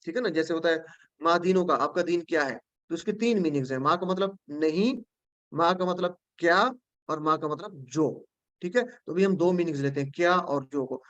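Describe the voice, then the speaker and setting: A man's voice: on the high side, a bit bright, dry recording, highs cut off. A man with a Pakistani Urdu accent, teaching the meanings of Quran words, repeating each word patiently and often checking that his students follow. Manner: recites prayer phrases slowly.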